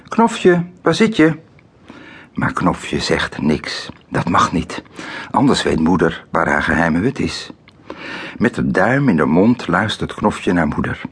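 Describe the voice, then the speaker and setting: A man narrating a children's audiobook in an expressive way, dropping to a whisper at tense moments. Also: low-pitched, gravelly, slightly rough. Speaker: storyteller.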